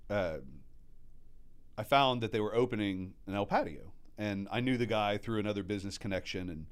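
A man in his thirties, born in Mexico and raised by American parents, appears as a guest and restaurant manager. His lowish, clear, resonant voice moves fairly quickly as he animatedly tells stories about running restaurants in casual chat, acting out quotes along the way.

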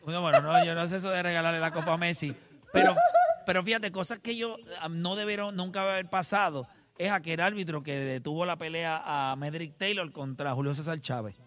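A middle-aged man with a Puerto Rican accent hosts a casual sports talk show. He is loud and animated and jokes around. His voice sits high and sounds bright and forceful. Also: brisk. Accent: Puerto Rican Spanish. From Puerto Rico. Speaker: radio sports show host.

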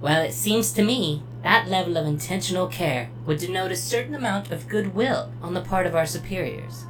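Woman as a formal, low-voiced computer assistant. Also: moderate pace, music in the background, natural voice, rough recording. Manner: formal, precise, wordy. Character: polite, logical female computer cash register, reassuring helper. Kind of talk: scripted audio drama acting. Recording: clearly audible humming noise.

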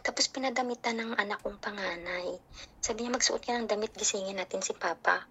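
A middle-aged woman with a husky, mid-range voice tells a casual story about her child at a fairly quick pace. She animates it by acting out what people said.

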